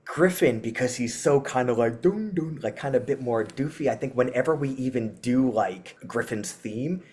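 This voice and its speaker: Speaking at normal speed with a medium-pitched, slightly mellow voice, this metal band frontman is a guest on a podcast. The interview is casual, and he rambles, laughs, and uses many filler words.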